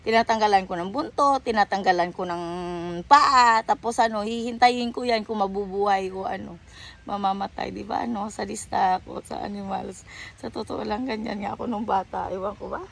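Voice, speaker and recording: A woman's voice: medium pitch, normal speed, gravelly, fairly bright tone. A woman with a Filipino accent vlogging outdoors by a river, rambling in a chatty, casual way with many fillers and self-corrections. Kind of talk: casual chat mixing English and Tagalog.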